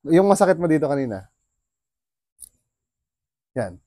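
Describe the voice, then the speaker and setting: A man's voice: fairly high pitch, big pitch swings, measured pace, warm tone, no room sound. A Filipino man talking a client through a bone-setting treatment. He coaxes her along in a soothing way and laughs often. His voice rises and falls a lot, and it sounds close and dry. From Philippines. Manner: soothing, coaxing, with frequent laughs. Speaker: bone setter.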